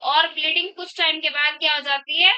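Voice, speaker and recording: High bright woman quizzing her class. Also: fairly even intonation, fairly quick, no room sound. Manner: quizzes the class, repeating answers back. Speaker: biology teacher. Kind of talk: classroom lecture. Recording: dull lo-fi sound.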